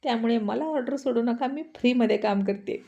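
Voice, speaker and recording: A cheeky young wife, teasing and self-assured, voiced by a woman. She bosses her husband around in a warm, mellow storybook voice. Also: on the high side, fairly quick, lo-fi sound, natural voice. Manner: teasing, playful and bossy. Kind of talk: storybook voice acting.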